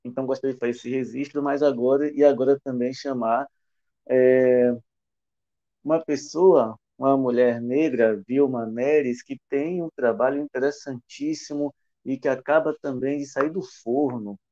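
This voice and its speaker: A middle-aged man who coordinates a philosophy department hosts an online academic debate from a small indoor room, wearing an earphone headset on a video call. His mid-range voice is steady, dark and moderately paced, but hesitant, full of fillers and restarts. The call audio is dull and lo-fi.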